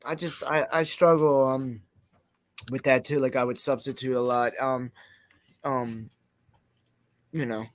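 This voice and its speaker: A man's voice: medium pitch, steady tone, measured pace, long pauses, dry recording. A man hosting a casual interview chat, talking in a loose, rambling way and swearing casually. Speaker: host.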